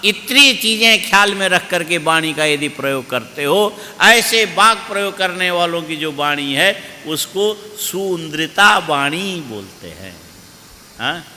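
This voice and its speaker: High bright guy preaching slow, drops in sanskrit verses, long hall echo. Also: animated, a little hiss or hum. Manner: slow teaching cadence, asks listeners questions and answers them. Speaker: Bhagavata katha preacher. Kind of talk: Hindi religious discourse.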